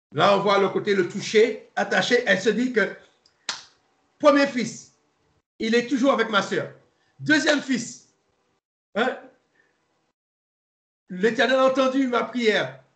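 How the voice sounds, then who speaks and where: Speaking in a rather high voice, a Bible teacher runs a casual study lesson, pausing and starting over frequently, repeating words, and spelling names one letter at a time. The space he's in gives the audio a roomy echo.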